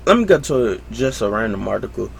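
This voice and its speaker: A man's voice: lowish voice, big pitch swings, creaky, slight background noise. A young man hosting a solo podcast at home late at night, rambling casually with lots of fillers and breaking off his own sentences. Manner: loose, self-interrupting, lots of fillers; slow, drowsy late-night talk.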